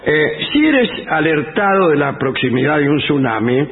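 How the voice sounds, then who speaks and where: A man's voice: on the high side, very animated, moderate pace. A man with an Argentine accent hosting a comic radio show, reading safety advice in a mock-solemn, ironic way. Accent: Argentine Spanish. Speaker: radio host. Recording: phone-like radio broadcast.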